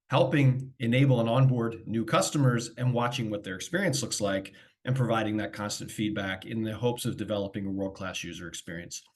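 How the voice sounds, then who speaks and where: A man hosting a corporate webinar over a video call, presenting with energy and talking fluently with a few fillers. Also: medium pitch. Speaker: webinar host.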